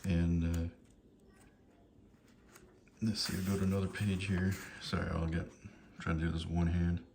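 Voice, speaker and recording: Gravelly, darkish and low, this fifties-aged man speaks flatly at a measured pace as he shows viewers books from his collection. His chat is casual and rambling, hesitant, amused and apologetic, over noticeable background noise.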